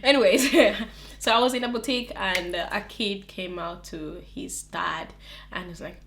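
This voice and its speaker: Speaking unhurriedly in a mid-range voice with background noise behind her, a young adult woman vlogger chats casually to the camera. English is her mother tongue, yet she has a non-native accent and isn't from England or America; she's lively, laughs frequently, and often starts over.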